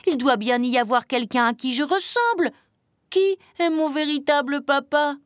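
A woman voicing a small, lonely green chick who pleads eagerly in a high voice. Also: measured pace, no echo, clean studio sound. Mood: desperate.

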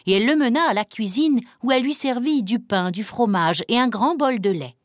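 A woman reading a fairy tale aloud with an expressive storytelling manner. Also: on the high side, brisk, faint music behind.

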